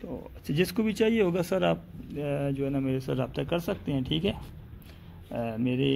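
A man's voice: on the high side, gravelly, a little mellow, a little hiss or hum. A man, a poultry breeder hosting his channel, walking through a small chicken coop with a handheld phone. He talks casually and hesitantly, often adding "ji" and "mashallah". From Pakistan. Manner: repeats filler "ji" and "mashallah", hesitant pauses. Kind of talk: casual sales walkthrough video. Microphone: phone camera held while filming.

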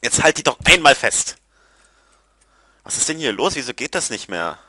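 A man giving casual gameplay commentary, excitable and quick to curse, yelping at his failures. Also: mid-range voice, breathy edge, no echo. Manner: excitable, yelps and groans at failures. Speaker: let's player.

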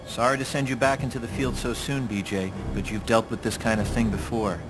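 An actor playing an older mission chief giving a measured briefing in a video game cutscene. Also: male voice, mid-range voice, flat delivery, over music, natural voice, low-quality recording.

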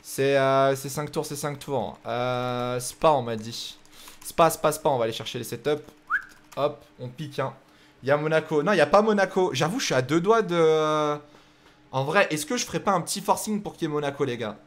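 A man's voice: fairly high pitch, normal speed. Chatty French streamer man. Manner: joking, chatty, thinks aloud while setting up races. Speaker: streamer hosting a racing game night. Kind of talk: casual live-stream chat reading the chat.

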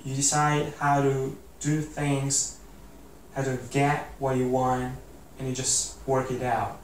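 Seated in an armchair in an indoor room, an Italian vlogger in his twenties speaks with an accent, offering earnest, casual motivation to the camera while rambling through lots of "like"s and restarts. The distant camera mic, a few feet off, captures his medium pitch along with a roomy echo and faint hiss.

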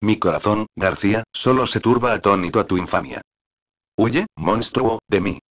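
A man's voice: on the low side, fairly bright tone. A man reading a proud, defiant young queen. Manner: slow, solemn verse reading. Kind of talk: dramatic play reading.

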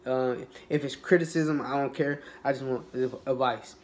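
A young man in a casual mukbang vlog, who rambles in a relaxed, low-energy way with lots of fillers and restarts and has a cold. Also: normal speed, a little hiss or hum. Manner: low-energy, laid-back. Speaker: YouTuber.

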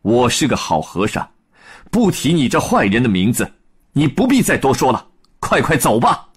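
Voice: medium pitch, sing-song, normal speed, husky, pitched above the performer's own voice. A storyteller voicing a stern male monk with a curt, dismissive manner.

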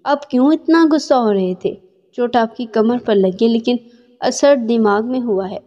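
A woman's voice: a little high, mellow, lightly acted. A woman voicing an anxious, defensive mother. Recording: dull lo-fi with long reverb.

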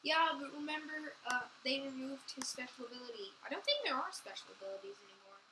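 A woman's voice: sits high, animated, quick pace, background noise. A woman chatting while playing a computer game at home, explaining game stats and questioning her partner. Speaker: gameplay channel co-host. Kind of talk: casual gameplay chat.

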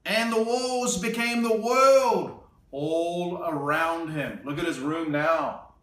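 Reading to children from an armchair in an indoor room, a man goes slowly through a picture book with lots of expression and a playful, fairly high voice. Little laughs and cheerful comments fill the gaps between pages, and the audio, from a tripod camera a few feet away, is roomy and a bit distant.

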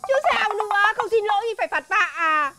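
A shrill, hot-tempered village wife. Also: female voice. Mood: wailing. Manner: sharp-tongued, quick to argue. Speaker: wife in a rural village comedy. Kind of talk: comic film acting.

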